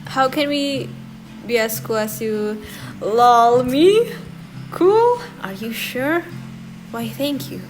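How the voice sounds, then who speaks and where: A young Indonesian woman, an artist vlogger whose first language is Indonesian, chats casually in a Q&A voice-over, giggly and self-deprecating. Her voice is fairly high and animated, and she speaks slowly with frequent pauses. Soft guitar music plays behind her.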